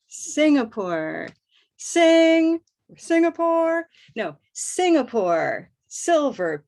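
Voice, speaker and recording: Upbeat middle-aged American woman, online pronunciation teacher, slow repetitive drilling. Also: medium pitch, a little mellow. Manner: upbeat, drills words by repeating them slowly. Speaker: host and English pronunciation teacher. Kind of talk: live online pronunciation lesson.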